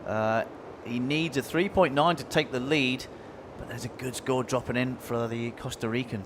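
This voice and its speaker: A man's voice: medium pitch, steady tone, normal speed, background noise. A man giving conversational live surfing analysis in a laid-back, informal way. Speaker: surfing colour commentator.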